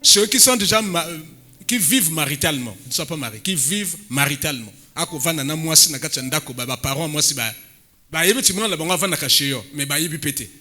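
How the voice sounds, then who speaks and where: A man preaching a sermon as pastor, breaking into sudden loud emphatic bursts and dropping in Lingala phrases. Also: a little high, expressive, fast.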